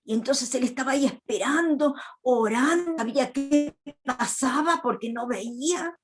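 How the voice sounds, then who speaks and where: A woman's voice: high voice, measured pace, slightly rough, faint music behind. A woman preacher giving a sermon in a church, retelling a Bible story in a reflective, earnest way.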